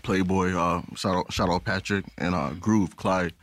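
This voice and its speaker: A young man telling stories in a relaxed, slangy casual chat as a guest. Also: sits low, moderate pace, no room sound. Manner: laid-back slangy storytelling. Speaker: podcast guest.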